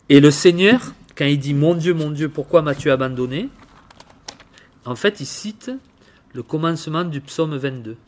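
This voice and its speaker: A man giving informal Bible teaching, halting and repeating words, often asking his listeners questions. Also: a little high. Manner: halting, repeats words, tags phrases with "hein"; addresses listeners directly with questions. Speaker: preacher.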